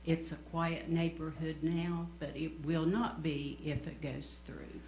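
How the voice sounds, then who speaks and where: A woman's voice: low-pitched, fairly even intonation, measured pace, darkish tone. A woman giving brief, plain public comment as a resident at a meeting. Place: indoor public meeting room. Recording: echoey meeting room with faint hum.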